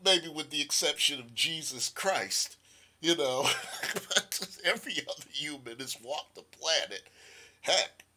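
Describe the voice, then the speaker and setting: A man's voice: fairly high pitch, expressive, measured pace, pushed and bright, slight background noise. A middle-aged man hosting a livestream, talking casually, often laughing at his own jokes and cursing freely. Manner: laughing, profane, tangential. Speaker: science channel host.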